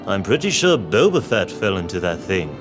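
A man doing a sketch comedy impression of a calm, nagging, gossipy old ghostly mentor, sounding unhurried and mock-wise. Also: low voice, music in the background. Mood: gently nagging.

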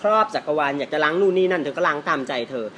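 A man teaching English pronunciation in a casual, playful way, teasing his viewers and stretching out example words slowly. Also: fairly high pitch, a bit bright, muffled recording, slight background noise.

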